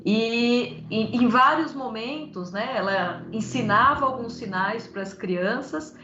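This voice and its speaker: A woman's voice: on the high side, takes it slowly, noisy background. A woman teacher moderating a live panel, asking long winding questions. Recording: echoey lo-fi room audio.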